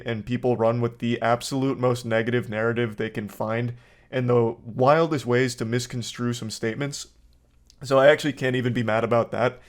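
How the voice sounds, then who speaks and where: Man, late twenties, YouTuber, blunt and emphatic commentary with casual swearing. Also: medium pitch. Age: 20s. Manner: candid, profane and emphatic.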